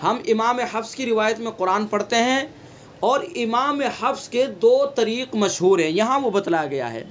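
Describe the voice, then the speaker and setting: A man with a Delhi Urdu accent leads an online Quran recitation class, his voice sitting high for a man. He goes over each rule patiently, repeating it and quizzing the students, then answering himself. A faint hiss of noise runs under the recording. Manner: slow, repetitive teaching, asks and answers own questions. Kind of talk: online tajweed class lecture.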